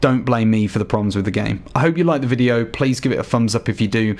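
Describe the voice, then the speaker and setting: A gaming YouTuber talks fast and casually to his viewers, addressing them directly as he walks them through a game showcase in a tutorial voice-over. His mid-range voice is slightly hoarse with a darkish tone.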